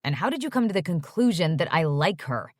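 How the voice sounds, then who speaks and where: A woman's voice: lowish voice, very animated, brisk, no room sound, studio quality. Woman doing a grumpy uptight man. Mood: irritated. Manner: curt and muttering.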